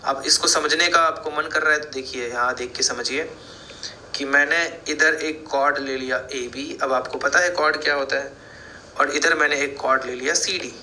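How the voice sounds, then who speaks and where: A man's voice: fairly high pitch, steady tone, moderate pace, bright, forceful tone, slight background noise. A male math teacher giving a board lecture, explaining step by step and asking and answering his own questions. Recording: echoey room.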